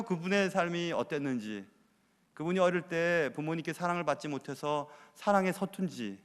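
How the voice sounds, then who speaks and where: Animated pastor preaching in a reverberant church. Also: male voice, a little high. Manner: conversational, confessional preaching with rhetorical questions. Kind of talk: sermon. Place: church sanctuary.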